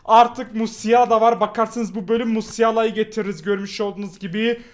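A young man commentating mobile football pack openings, shouting hype at the game and groaning when the luck turns bad. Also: high-pitched, fairly even intonation, a little fast.

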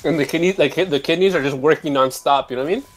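A man's voice: a little high, rapid-fire. A young man chatting casually with friends over a game, rambling and swearing, often tacking on "you know what I mean.". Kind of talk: casual chat.

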